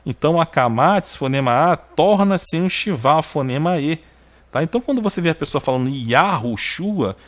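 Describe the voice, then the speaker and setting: A man giving a video lesson on biblical Hebrew. He is emphatic, keeps checking with short tags, and his pitch jumps up when he stresses a point. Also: animated, brisk. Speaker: Hebrew teacher.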